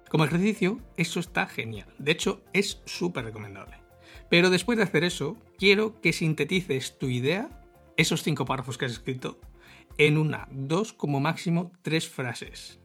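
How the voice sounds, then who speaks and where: A man with a slightly higher voice hosts a solo podcast lesson. He explains things in a casual, chatty way and drops in little asides. Faint music plays underneath. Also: a bit bright. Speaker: podcast host.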